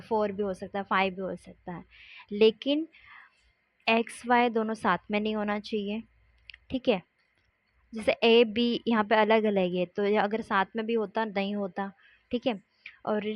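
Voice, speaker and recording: A woman teaching a maths lesson, explaining step by step and often pausing to check that the class is following. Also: mid-range voice, dry recording. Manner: patient, repeats "ठीक है" to check along. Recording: dull lo-fi sound.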